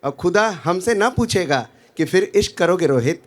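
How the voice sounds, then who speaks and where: A man's voice: high voice, lively intonation, moderate pace. A man reading his own love poem to an audience with a rising, emotive delivery. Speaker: audience poet.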